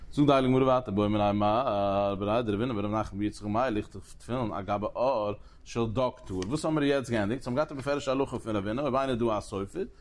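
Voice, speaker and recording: A man teaching a religious text as a study lecture, talking in rapid bursts, repeating and restarting phrases and posing questions as he works through the reasoning. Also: lowish voice. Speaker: Talmud teacher.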